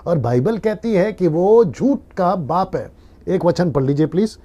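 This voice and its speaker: A man's voice: high voice, animated, unhurried, mellow. A man preaching a live-streamed sermon as pastor, teaching earnestly and repeating key lines.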